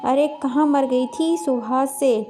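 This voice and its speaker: A woman's voice: high-pitched, slow. A woman voicing a harsh middle-aged mother-in-law in a storybook tale, talking sharply. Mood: scolding. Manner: sharp, scolding.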